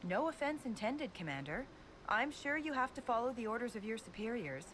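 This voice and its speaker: A woman's voice: on the high side, big pitch swings, a little fast, a bit bright, slight background noise, poor audio. An actress playing a pushy female news reporter who asks probing, needling questions in a polished way.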